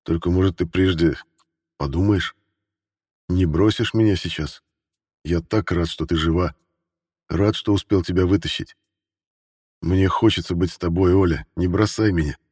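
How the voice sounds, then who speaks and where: A man's voice: low-pitched, normal speed, pauses often, darkish tone, husky, no room sound, studio quality, big-room sound. A man reading an audiobook who voices a remorseful husband with a muffled, sighing manner. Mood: pleading. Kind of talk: audiobook character voice.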